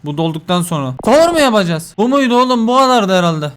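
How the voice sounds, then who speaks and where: A man giving live gaming commentary, excitable, muttering to himself and cursing at the game. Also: high voice, fast talker, clean tone. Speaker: gaming streamer.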